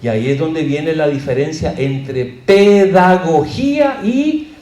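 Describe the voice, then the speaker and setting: Pastor animado de voz aguda en sala con eco. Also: male voice, fairly high pitch, slow pace. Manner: lively, jokey, asks the audience questions. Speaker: pastor teaching a preaching class. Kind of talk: humorous lecture. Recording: roomy echo.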